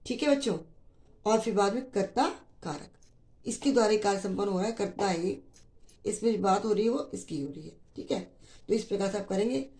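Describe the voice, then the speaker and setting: A woman's voice: mid-range voice, fairly quick, mellow. A woman teaching a grammar lesson to school students, explaining patiently and repeating key phrases, with mixed in. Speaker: Hindi teacher.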